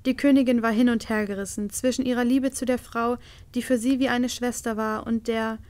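A woman narrating a storybook chapter aloud as an audiobook reader, telling it calmly and expressively. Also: fairly high pitch, brisk.

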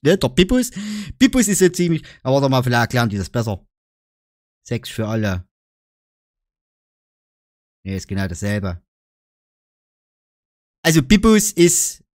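A man's voice: fairly high pitch, no echo, studio quality. A man with a Saxon German accent chatting casually in a vlog, joking around and explaining dialect words with frequent "ne?" tags. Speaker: YouTuber.

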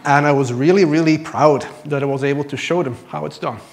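Speaking a little fast in a slightly high voice over heavy background noise, a man in his thirties from Belgium gives a personal testimony from the pulpit. He talks into a lapel mic and shares his faith story earnestly, poking a little fun at himself.

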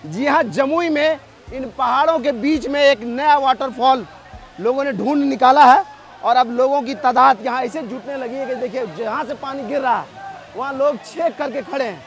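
High-voiced man vlogging outdoors. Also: normal speed. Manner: lively, addresses viewers directly, chats with passers-by. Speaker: travel vlogger. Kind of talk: on-location travel vlog commentary. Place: outdoors on a forest trail by a waterfall. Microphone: camera filmed by a companion while walking.

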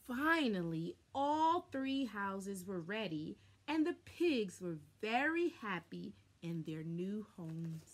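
Animated young woman reading a storybook. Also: mid-range voice. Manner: animated, deliberate, dramatic emphasis. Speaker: storybook reader. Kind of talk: expressive children's story read-aloud. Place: small furnished room indoors.

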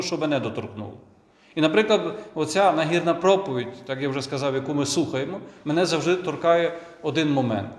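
A man, a priest, giving a conversational sermon full of rhetorical questions. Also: fairly high pitch. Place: church. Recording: echoey church with long reverb.

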